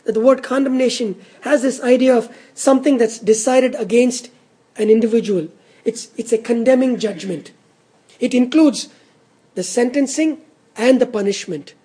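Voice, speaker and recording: A pastor delivers an expository sermon with a dark, mellow, somewhat husky voice. The delivery is earnest and teacherly, and key words are repeated for emphasis. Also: medium pitch, normal speed.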